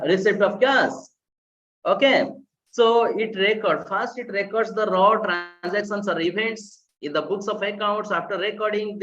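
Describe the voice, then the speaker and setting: A man's voice: sits high, a bit bright, roomy sound, far from the mic, dull audio. A man teaching an online class, explaining with rhetorical questions and repeating key phrases. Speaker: lecturer. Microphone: video call.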